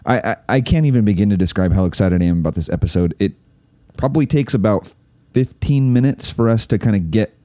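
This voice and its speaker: A man hosts a coaching podcast, delivering a casual intro, interview, and enthusiastic ad read in a relaxed way packed with fillers and restarts. His voice is on the low side and a little fast, with no room sound.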